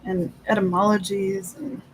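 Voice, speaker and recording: An unhurried speaker with a mid-pitched voice chats casually, switching between English and Spanish. The delivery is halting and often trails off mid-thought, with a little background noise. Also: poor audio. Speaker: livestream host of an inking session. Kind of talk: casual chat.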